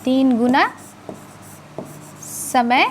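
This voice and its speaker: With a high, animated voice, this woman teaches Hindi grammar, answering her own questions to the class, frequently tacking on tag questions, and drawing sounds out slowly to demonstrate them. There's slight background noise.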